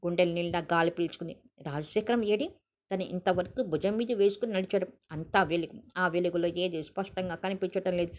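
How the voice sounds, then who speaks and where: A woman narrating an audiobook in a steady reading voice, on a dull lo-fi recording. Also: lowish voice, quick pace.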